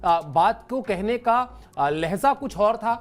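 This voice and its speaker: A man analysing cricket on a talk show, speaking in a measured, reflective way and stressing words with deliberate pauses. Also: high-pitched, animated. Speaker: cricket analyst and voice-over artist.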